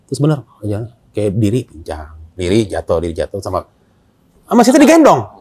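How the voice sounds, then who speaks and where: A man's voice: lowish voice, fairly quick, husky, no echo. A man telling a story in casual chat, acting out the dialogue in slang. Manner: animated, acts out dialogue in slang. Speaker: storyteller guest.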